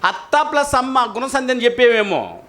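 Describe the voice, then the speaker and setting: A male pastor preaching a sermon in an animated way, often putting questions to his congregation. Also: very high-pitched, fairly quick. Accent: Telugu.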